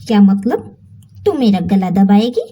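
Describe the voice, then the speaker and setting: A woman voicing a bitter older mother-in-law who taunts and complains in a shrill, self-pitying way. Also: very animated, measured pace, breathy edge, recorded from a distance, dull audio. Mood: scolding.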